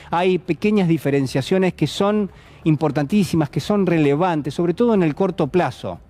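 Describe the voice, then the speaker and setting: Speaking straight to the viewer from a television studio, a man delivers political commentary and throws out rhetorical questions. His voice is a little high with a dark tone.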